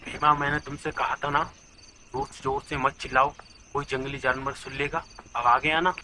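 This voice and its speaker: A man playing a calm, scolding villager. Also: mid-range voice, normal speed, background noise, natural voice. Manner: brushes off fears, scolds his friend.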